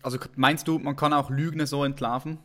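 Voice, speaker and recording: A man's voice: medium pitch, little pitch movement, fast talker, sharp tone. A man hosting a video call interview, talking casually and often repeating his words. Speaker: interview host.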